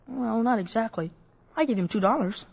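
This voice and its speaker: A woman voicing an earnest, excited young boy in a 1950s radio drama, talking breathlessly and insistently. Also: fairly high pitch, fairly quick, vocal fry, breathy edge. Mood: sheepish.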